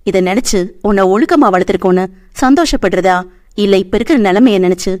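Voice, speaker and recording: A woman's voice: mid-range voice, a little fast, a little mellow, lightly acted. A woman voicing an anxious young man, a boss who stammers and pleads, in a storybook reading. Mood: sad. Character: anxious young male boss, tender and hot-tempered.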